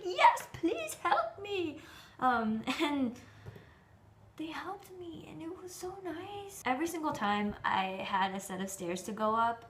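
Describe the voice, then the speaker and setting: Chatty young woman with a high voice. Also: fairly bright tone, a little hiss or hum. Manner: chatty and enthusiastic, full of "like" and "you know". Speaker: vlogger. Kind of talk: casual travel storytelling to camera. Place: her apartment, indoors.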